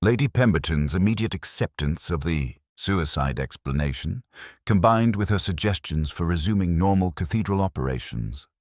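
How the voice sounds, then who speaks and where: An audiobook narrator with an extremely deep, low male voice reads a mystery story. He speaks formally and with measure, though his pitch moves lively. The recording is dry and close, with no room sound or echo.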